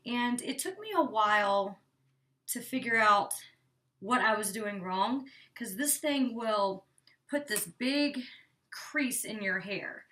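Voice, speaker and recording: A young beauty vlogger chats casually through a hair tutorial, rambling and saying "like" a lot. Her mid-range voice is bright and forceful, she takes her time, and she sounds a bit congested and out of breath. She's recorded from a distance from the mic.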